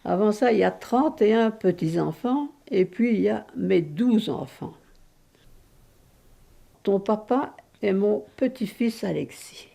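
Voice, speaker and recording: A great-grandmother in her nineties from Belgium, telling her life story to a baby in a halting, emotional way with many restarts. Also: medium pitch, lively intonation, vocal fry, warm tone. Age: over 90. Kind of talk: intimate spoken memoir.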